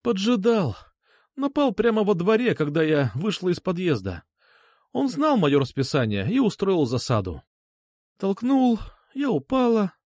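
A man's voice: sits high, wildly swooping pitch, moderate pace, no echo, studio quality, pitched above the performer's own voice, heavily acted. A man voicing a hurt, subdued woman teacher. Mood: shaken. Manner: quiet, detached, tearful delivery. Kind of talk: audiobook character voice.

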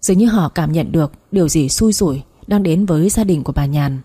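A woman narrating a story in a steady audiobook reading. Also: low voice, a little fast, husky.

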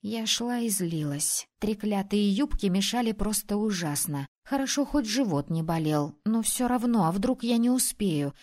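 A woman's voice: mid-range voice, normal speed, few pauses. A woman narrating a first-person fantasy audiobook expressively, turning stern for the heroine's lines. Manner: expressive, switching to stern when speaking as the heroine.

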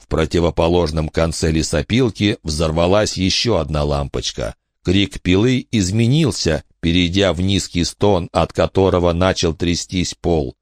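A man narrating an audiobook in an expressive, dramatic storytelling manner. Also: low-pitched, normal speed, hardly any pauses, no room sound, clean studio sound. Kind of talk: scripted narration.

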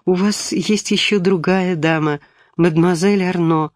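A man reading a soft-spoken tearful woman teacher. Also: sits high, steady tone, measured pace, no echo, studio quality. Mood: tender. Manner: soft, tender.

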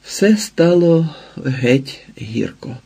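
A man narrating a novel as an audiobook in a measured, expressive reading. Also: medium pitch, gravelly, slightly rough.

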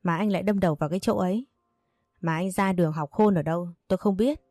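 A woman voicing a domineering older mother who scolds her son in fast, sharp-tongued bursts. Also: lowish voice, dry recording, studio quality, soft background music. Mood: scornful.

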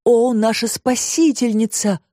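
A woman's voice: fairly high pitch, fairly even intonation, measured pace, dark tone, dry recording, clean studio sound, voice pushed up, lightly acted. A woman reader voicing a grateful young prince in an audiobook, with solemn exclamations. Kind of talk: audiobook reading.

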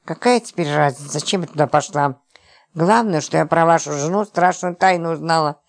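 A woman voicing an indignant, naive young wife who has become an amateur sleuth, given to shrill, agitated exclamations. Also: fairly quick.

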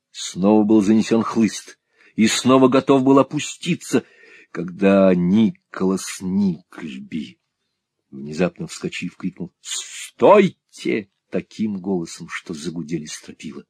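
Man, low husky narrator, very lively pitch, dry studio sound. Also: no room sound. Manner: expressive, theatrical delivery. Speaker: audiobook reader. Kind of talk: dramatic audiobook narration.

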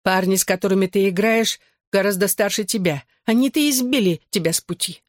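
A man's voice: high voice, fairly quick, dry recording, clean studio sound, voice pushed up, natural voice. A man voicing a tearful, fretting middle-aged mother who sobs, wails and sniffles as she talks. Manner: sobbing, wailing, sniffling.

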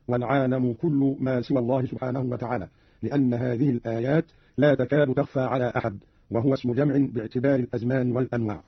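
A man delivers a formal, scripted lesson at a brisk pace, quoting short passages and explaining each one. His voice is somewhat husky. The recording is dry and muffled, like an old radio broadcast. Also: medium pitch, no room sound. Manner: formal, measured; quotes verses then explains them. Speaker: teacher explaining recitation variants. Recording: dull lo-fi archival radio recording.

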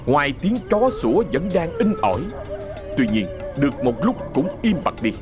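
A man's voice: fairly high pitch, big pitch swings, normal speed, music in the background. A man narrating a ghost story with a Southern Vietnamese accent, in a dramatic, suspenseful manner.

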